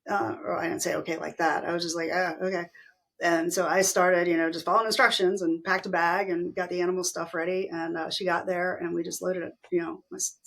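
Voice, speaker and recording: A middle-aged woman telling a personal story as an interview guest, animated, acting out the voices of people she quotes. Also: fairly low pitch, creaky, breathy edge.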